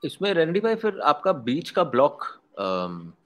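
A man's voice: a little high, huge pitch swings, rapid-fire, fairly bright tone, soft background music. A man hosting a casual football panel chat, switching between Hindi and English. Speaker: host of a football discussion show.

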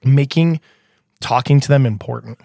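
A man's voice: mid-range voice, moderate pace, creaky, dark tone, dry recording, studio quality. A man with a New England accent, casually chatting as a podcast co-host and game master, self-deprecating, with frequent restarts. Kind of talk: casual chat.

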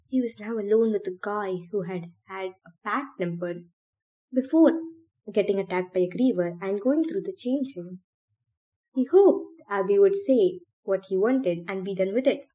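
Reading a novel aloud for a podcast, this woman keeps a steady, measured delivery at medium pitch.

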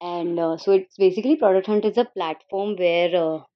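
A woman's voice: fairly low pitch, moderate pace, highs cut off. A woman in her twenties with a North Indian accent, speaking earnestly and conversationally as an interview guest, repeating phrases for emphasis and mixing in Hindi. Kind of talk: casual conversational interview answers.

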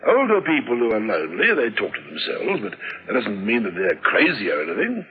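An actor playing a calm, kindly old family doctor who explains things in a reassuring, unhurried way, in a 1960s radio drama. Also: male voice, on the low side. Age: older. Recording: dull lo-fi 1960s radio recording.

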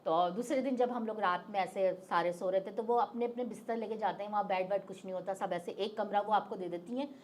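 A woman's voice: medium pitch, a little fast, few pauses, a little mellow, slight background noise. A middle-aged woman recounting a personal experience in casual, vivid detail as an interview guest. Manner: vivid, detailed retelling with acted-out quotes. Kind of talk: casual spoken storytelling.

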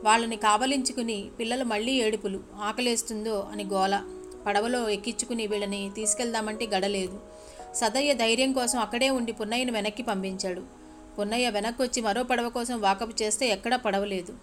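A woman's voice: on the high side, fairly even intonation, fairly quick, soft background music. A woman storyteller narrating a tale expressively and addressing her listeners politely.

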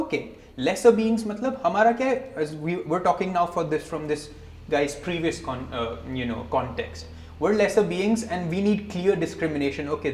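A man gives a chatty scripture discourse built around stories, chuckling as he goes. His voice sits somewhat high, and it rings around an echoey room. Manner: conversational, mixes in Hindi, chuckles often. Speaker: spiritual teacher.

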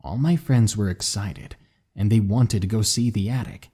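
A man narrating spooky stories in a slow, hushed, dramatic way. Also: on the low side, breathy edge. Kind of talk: scripted story narration.

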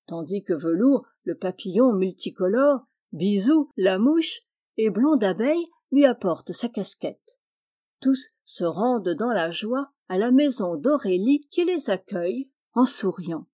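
A woman reading a children's storybook aloud, in a clear, expressive storytelling manner. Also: mid-range voice, measured pace.

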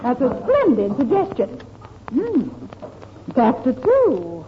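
A cutting, sarcastic wife in an old radio comedy. Her high voice swings widely as she needles him. The broadcast sound is dull with faint hiss. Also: huge pitch swings, slow pace, full character voice. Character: sharp-tongued wife, sarcastic and commanding. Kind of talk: 1940s radio acting.

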